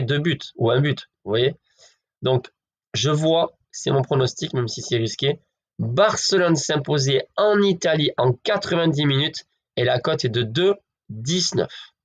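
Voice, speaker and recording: A man giving football betting predictions in a casual, chatty way, talking straight to his viewers with lots of fillers. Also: medium pitch. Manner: chatty, addresses viewers as friends, hedges with fillers.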